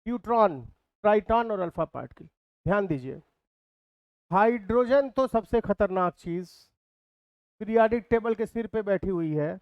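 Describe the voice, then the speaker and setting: A man's voice: high-pitched, lively intonation, moderate pace, pauses often, no room sound, muffled recording. A man teaching a physics class in speech, repeating key terms and asking his students questions. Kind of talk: classroom lecture.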